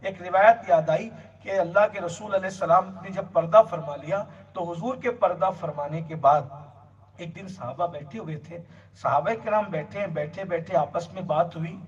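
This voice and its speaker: A man preaching a religious sermon in an emphatic way, building long repeated lists. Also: high voice. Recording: distant, dull lo-fi sound.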